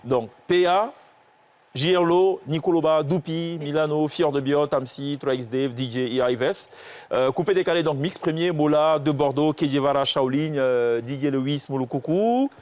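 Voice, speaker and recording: A man hosting a studio TV show, his voice sitting a little high for a man. He talks in an animated, upbeat way and reels off long lists of names. He sounds like a seasoned presenter. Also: moderate pace. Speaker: TV talk show host. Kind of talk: lively studio chat.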